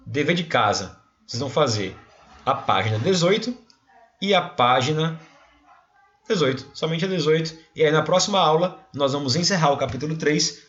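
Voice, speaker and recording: A man's voice: medium pitch, fairly bright tone, lo-fi sound. Brazilian male teacher explaining at a whiteboard. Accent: Brazilian Portuguese. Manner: explanatory, checks in with "beleza?". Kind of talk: recorded remote class lesson.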